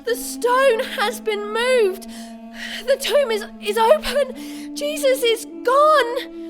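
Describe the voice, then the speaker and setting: A woman's voice: very high voice, slow pace, music in the background. A woman playing a grieving young female disciple who speaks tearfully, in an audio drama. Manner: tearful, breathless pleading.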